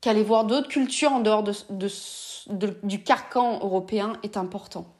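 A French woman vlogs about neurodiversity, speaking an earnest, impassioned, reflective monologue straight to the camera for her viewers. Her mid-range voice is a little mellow and moves at a moderate pace.

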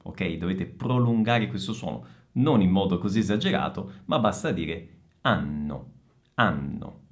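A man teaching Italian pronunciation, saying each word twice with slow, deliberate care. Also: faint music behind. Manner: lively, expressive pitch. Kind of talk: pronunciation lesson.

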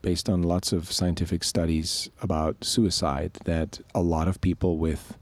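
Unhurried and flat in delivery, a low-voiced Swiss podcast co-host explains concepts in a loose, thoughtful way. The conversation is casual, and he frequently restarts his sentences.

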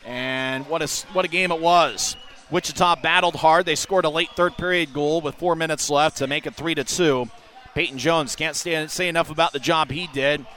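A man calling rapid hockey play-by-play as the announcer, excitable and given to shouting on goals. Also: on the high side.

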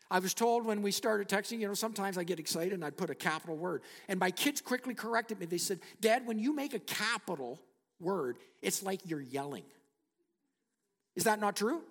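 A middle-aged pastor preaches in a church sanctuary, his voice pitched high and swooping through a very lively range. He lingers on key words, sinking them into low, hushed tones. A long reverb of the hall trails each phrase. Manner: dramatic preaching, slows and drops to near-whisper for emphasis. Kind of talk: sermon.

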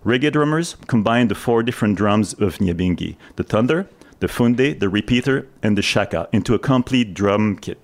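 A man's voice: on the low side, animated, normal speed. A man hosting a live radio show, explaining his subject earnestly in a semi-scripted narration. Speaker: radio host.

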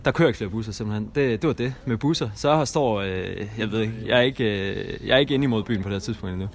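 A man's voice: fairly low pitch, creaky. Young man rambling through a story. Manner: rambling, many fillers and restarts. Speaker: guest storyteller. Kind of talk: casual anecdote.

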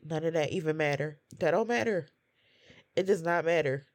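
A woman's voice: sits low, moderate pace, no echo, studio quality. A woman in her thirties on a podcast, talking in a casual, earnest, confessional way with many "like" fillers. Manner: heavy use of "like" fillers, earnest and open. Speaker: podcast co-host.

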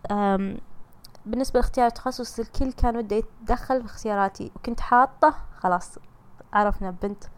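A young woman with a Saudi Gulf accent hosts a casual solo podcast from a home mic. She talks very fast in a slightly high voice. Her manner is chatty, teasing and comforting. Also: clear, resonant tone. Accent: Saudi Gulf Arabic. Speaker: podcast host reading listener messages.

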